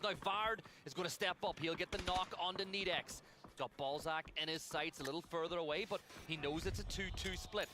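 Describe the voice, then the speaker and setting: A man with a high voice calls a live esports match in energetic, excitable play-by-play. Loud game sounds play beneath him throughout. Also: noisy background. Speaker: esports caster. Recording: loud game audio behind.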